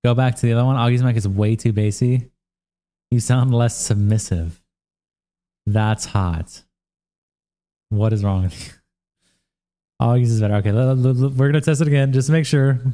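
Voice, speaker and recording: This young male livestream host has a medium-pitched, dark-toned voice and sounds worn out after days of streaming. He reads viewer comments casually and profanely, reacting to chat with quick asides.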